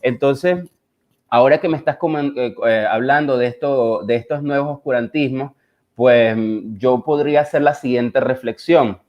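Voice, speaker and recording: A visual artist with a Caribbean Spanish accent presents his work in a reflective, conversational way. His mid-range voice moves at normal speed, but he hesitates and often searches for words. The online audio is dull and lo-fi.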